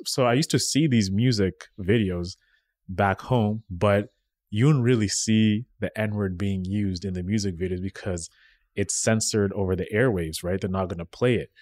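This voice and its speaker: A man's voice: lowish voice, moderate pace, darkish tone, no room sound, studio quality. A young man from Kenya, whose first language is Swahili, telling reflective stories as a podcast guest in casual conversation. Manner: reflective storytelling, frequent "right?" tags.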